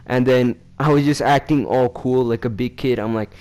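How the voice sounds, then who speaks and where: A young vlogger tells a story in a casual, rambling way, full of slang and swearing, with fairly even intonation at normal speed. When quoting people, he acts the lines out in a louder, higher voice.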